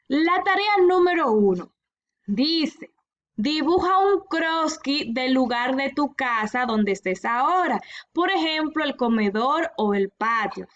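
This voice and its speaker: A woman teacher explaining a lesson to children in a recorded class, patient and repeating each instruction clearly. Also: sits high, fairly bright tone, lo-fi sound. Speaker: primary school teacher.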